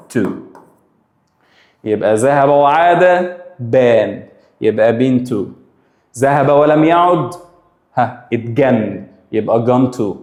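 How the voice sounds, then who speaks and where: A man's voice: medium pitch, roomy sound. A man with an Egyptian Arabic accent, teaching an English grammar revision lesson and repeating each rule as he drills it. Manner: lively, drills rules by repetition, mixing Arabic and English.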